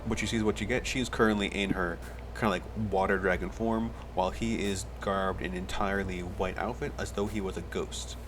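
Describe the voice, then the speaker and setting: Man, game master, tabletop game, low voice, explanatory, noisy background, vehicle sounds. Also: steady tone, fairly quick. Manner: explanatory, describes scenes at length.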